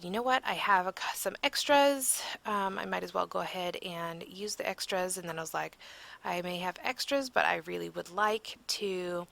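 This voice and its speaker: Low, gravelly-voiced woman crafter. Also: a bit bright, no echo. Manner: rambling, searching for words with frequent ums. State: yawning, tired. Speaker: crafter narrating a process video. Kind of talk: casual voiceover.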